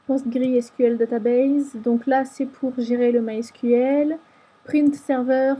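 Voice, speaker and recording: High, breathy woman explaining software steps. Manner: patient step-by-step explaining. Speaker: tutorial maker. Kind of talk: screen-recorded software tutorial.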